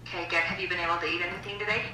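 Middle-aged mom on a casual phone call, very echoey, rapid delivery. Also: female voice, fairly low pitch, fairly even intonation, bright, forceful tone. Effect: heard through a phone call. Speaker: mother calling home. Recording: echoey distant phone call, faint noise.

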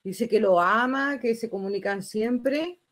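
A middle-aged woman from Spain with a Spanish accent hosts a reaction video, reacting aloud in a casual, chatty way. Her voice is fairly high for a woman, her delivery a little slow but expressive and full of exclamations, and she's recorded in a small bedroom at home.

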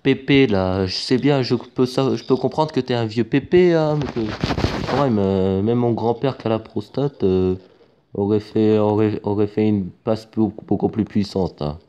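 A man commentating his own football video game match in a casual, excitable way, rising to shouts at big moments, with lots of fillers. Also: fairly low pitch, normal speed. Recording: dull lo-fi home mic with faint noise.

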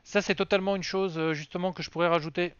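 A man's voice: sits high, fairly even intonation, fast talker, fairly bright tone, clear, resonant tone, no room sound. A man chatting casually on a game live stream, rambling and self-mocking with lots of fillers. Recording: dry, slightly dull lo-fi sound.

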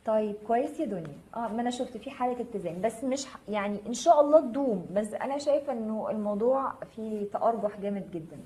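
A woman's voice: fairly high pitch, quick pace, hardly any pauses, warm tone, rough recording. A woman with an Egyptian Arabic accent hosting a live tarot reading. She reassures viewers and answers their comments, calling them by name. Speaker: tarot reader host.

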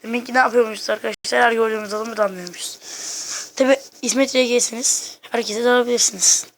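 A woman giving casual, excitable gameplay commentary, talking to herself and her viewers in slangy bursts. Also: fairly high pitch, quick pace. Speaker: gaming video maker.

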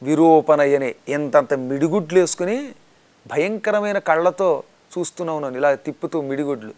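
A male religious speaker delivers a storytelling discourse in a high voice. He chants scripture lines and unpacks them with animated explanation. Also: normal speed. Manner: animated, explanatory, recites verses then explains.

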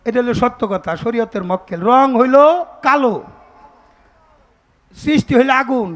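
High-voiced folk debate singer, man. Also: moderate pace. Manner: sings verses then explains in rustic spoken rhythm. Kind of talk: pala gaan folk debate singing and speech. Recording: live stage with loud folk music. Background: folk instruments.

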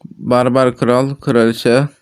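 A man's voice: medium pitch, flat delivery, slow, clear, resonant tone. A man hosting a gaming channel, giving chatty, casual gameplay commentary and correcting himself often as he talks to viewers. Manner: chatty, self-correcting, addresses viewers as friends. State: frustrated after repeated mistakes.

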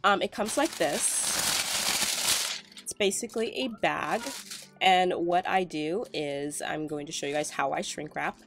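Loud music plays behind this poorly recorded voice, which sits low and moves at a slow pace. It belongs to a middle-aged couponing vlogger with a cold, her voice congested as she chats through a casual step-by-step gift-basket tutorial at home, using fillers while filming a tabletop close-up.

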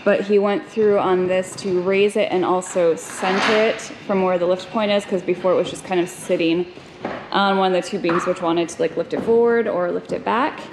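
A woman in her thirties, with a lowish voice, fairly even intonation, and a moderate pace, casually walks through a boat build step by step. She films herself holding the camera at arm's length inside a large covered shed, and the recording is noisy.

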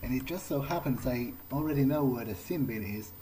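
This is a gamer playing in character, improvising hesitant, musing commentary over video game music. He talks a little fast in a mid-range, dark-toned voice, and the audio quality is poor.

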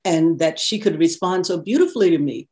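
Older woman telling lively personal stories. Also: fairly low pitch, brisk. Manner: animated, laughing often, acting out quoted voices. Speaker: guest speaker. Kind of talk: personal storytelling talk.

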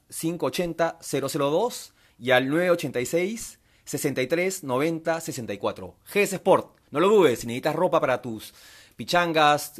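A man hosting a sports chat, introducing guests and pitching a sponsor into a handheld mic in a small room. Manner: lively, promotional, reads out phone numbers. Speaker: host. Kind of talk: sports talk show hosting. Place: small cluttered decorated room, indoors. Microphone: handheld wired mic.

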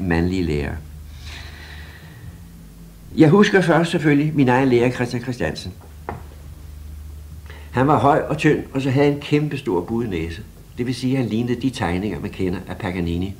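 Older man telling lively anecdotes. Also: medium pitch, a little hiss or hum. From Denmark. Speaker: retired pianist interviewee. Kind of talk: reminiscing interview.

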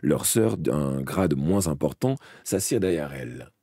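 A man reading a dark fantasy audiobook aloud in the first person, dramatic and expressive, with small slips he corrects as he goes. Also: extremely low pitch, unhurried, breathy edge, dry recording, clean studio sound. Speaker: audiobook reader. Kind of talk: first-person audiobook narration read live.

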